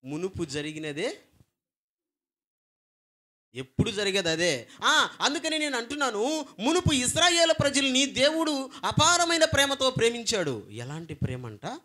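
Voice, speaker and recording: A man preaching a sermon to a congregation. He asks rhetorical questions, tells stories, and urges his listeners to call back loudly. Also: extremely high pitch, sing-song, moderate pace, long pauses. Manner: call-and-response, urging the congregation to shout back. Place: church hall before a congregation.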